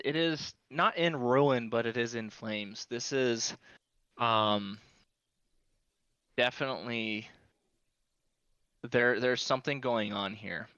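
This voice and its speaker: Bright, clear man game master. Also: mid-range voice, no room sound, lo-fi sound. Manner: conversational, hesitant, rephrasing as he goes. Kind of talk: improvised tabletop game narration.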